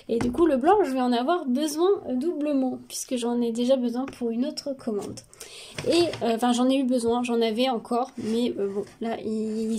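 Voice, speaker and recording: A woman chatting casually in her home craft studio vlog, with a cold, talking hesitantly with many fillers and pauses. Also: a little high, dark tone, slight background noise. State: sniffly with a cold. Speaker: craft vlogger.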